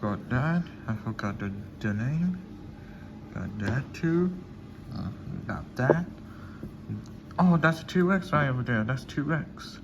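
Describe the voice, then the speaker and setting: There is clear noise on this amateur recording of a man with a medium-pitched voice. He chats casually as the host of a tasting video. His remarks come in short, repetitive mutters between bites. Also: expressive, takes it slowly, pauses often. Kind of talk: casual mukbang chat with food reactions.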